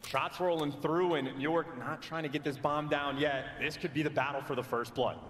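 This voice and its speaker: A man's voice: a little high, fairly even intonation, normal speed, fairly bright tone, a little hiss or hum. A man giving live esports commentary as an analyst caster, emphatic and explanatory. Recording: echoey hall with music behind.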